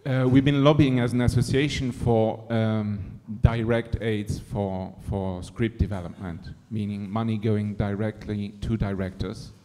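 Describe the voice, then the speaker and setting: A Luxembourgish man, a screenwriter-director in the audience, raises a question from the floor in a thoughtful way, leaning on many fillers. His dark, fairly low voice holds fairly even intonation at a measured pace with few pauses. The sound has hall reverb.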